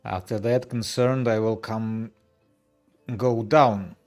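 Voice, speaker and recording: A man's voice: on the low side, steady tone, slow, darkish tone, soft background music. A man playing a tabletop game, describing his character's actions in a casual, hesitant way.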